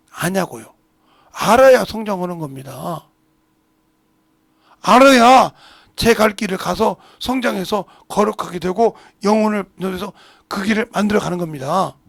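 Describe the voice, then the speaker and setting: A middle-aged man preaches an animated sermon in a church and slips into voices for the people in his examples. His voice sits fairly high and is heavily gravelly and husky. The sound is dry and close, with little room around it. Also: dry recording. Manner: animated preaching, acting out family dialogue. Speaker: pastor. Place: church sanctuary.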